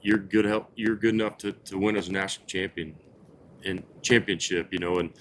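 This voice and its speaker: A man with a low, fairly level voice speaks as a head coach in a post-game interview. He is earnest and halting, restarting phrases as he gathers his thoughts. A faint rumble sits behind him. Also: fairly even intonation.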